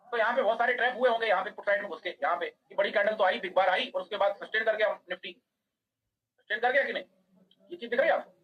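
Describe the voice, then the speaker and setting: A man teaching a live online trading class, talking fast in a high, husky voice. He explains a chart point by point and checks with students by name whether they understand. The sound is dull and lo-fi.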